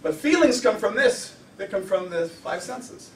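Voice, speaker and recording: Animated man lecturing in an echoey room. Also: sits high, unhurried, recorded from a distance, a little hiss or hum. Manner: animated, conversational, acts out quotes. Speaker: anger management instructor. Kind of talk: informal classroom lecture.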